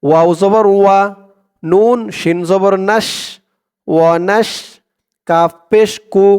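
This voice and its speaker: A male teacher giving a recitation lesson, spelling out letters and vowel marks one by one and joining them into words in a slow, drawn-out chant. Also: smooth. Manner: calm explanations, quieter and lower than the recitation.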